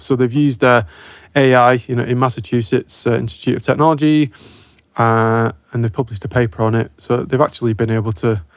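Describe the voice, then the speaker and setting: Casual male co-host, average pitch, dry close sound. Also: no room sound. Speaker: podcast co-host. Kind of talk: casual podcast chat.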